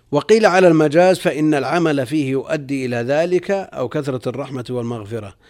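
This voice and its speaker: A man's voice: mid-range voice, darkish tone. A middle-aged man speaking as a religious scholar, reading and explaining commentary in mostly formal Arabic with colloquial asides, repeating key phrases. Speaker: religious scholar, guest on the program.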